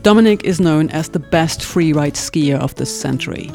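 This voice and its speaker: A woman's voice: low-pitched, moderate pace, vocal fry, warm tone, faint music behind. A woman co-hosting a podcast, reading a scripted introduction and asking the guest questions. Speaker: podcast co-host.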